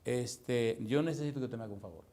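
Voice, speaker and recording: A man's voice: mid-range voice, fast, warm tone, lightly acted. A man voicing a well-off, insecure woman who speaks politely but insistently, in a sermon story.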